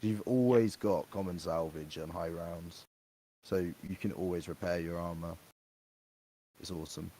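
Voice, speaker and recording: A man on a gaming podcast, walking through game details and letting his sentences trail off quietly. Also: deep voice, normal speed, slight background noise, poor audio. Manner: explanatory, trailing off softly. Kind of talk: casual gaming podcast chat.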